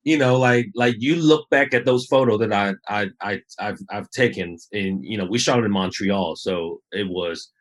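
A man who is a photographer, a guest in a casual interview, speaking in a relaxed, rambling way with many fillers. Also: lowish voice, normal speed, few pauses.

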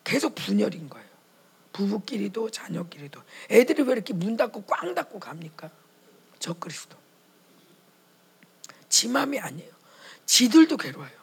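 Gravelly, husky woman preaching dramatically. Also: mid-range voice, very animated, normal speed, long pauses. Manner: dramatic, acts out quoted voices, swings from loud to whispered; conversational preaching to an audience of pastors' wives. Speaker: pastor's wife preaching. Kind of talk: sermon.

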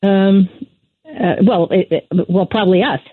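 A woman's voice: mid-range voice, measured pace, slightly rough, no echo. A woman from New Jersey calling in to a radio show over the phone, talking hesitantly with many ums and uhs. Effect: calling in over a phone line. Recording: dry tinny phone line.

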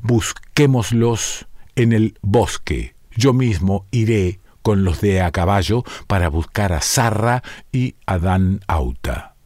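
Stern storybook king giving orders, slow and low-pitched, read dry and close by a man narrating. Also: animated, a little mellow, no room sound. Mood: commanding. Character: weary commanding king, older man.

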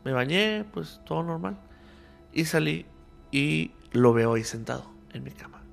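A man with a Mexican Spanish accent, appearing as a podcast guest, tells a story in casual conversation and acts out both sides of a remembered dialogue. His voice is a little high, gravelly and expressive, and he takes his time. Soft music plays in the background.

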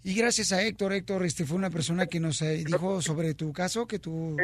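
A man hosting a lively radio show, jokey and loud, calling listeners friends and champions. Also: high voice, normal speed. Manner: jokey, loud, calls listeners paisanos and campeón.

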